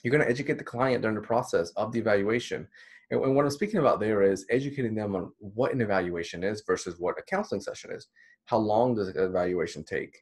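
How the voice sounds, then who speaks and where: Man, thirties, from the Dominican Republic, lower register; counselor leading a friendly training slideshow. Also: fast, breathy edge. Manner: conversational, encouraging, with many fillers. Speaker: counselor teaching a course. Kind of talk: recorded slideshow lecture. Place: small indoor room.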